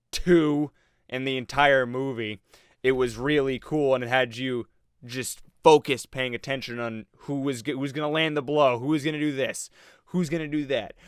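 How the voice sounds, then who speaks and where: A man's voice: medium pitch, clear, resonant tone, no room sound, clean studio sound. A man giving a rambling, sarcastic movie review, acting out the audience's reactions as he goes. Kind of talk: casual commentary.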